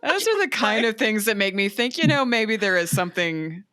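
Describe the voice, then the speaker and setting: Lively woman podcast host reacting. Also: medium pitch, moderate pace. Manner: reactive, laughing along and exclaiming. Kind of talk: casual chat.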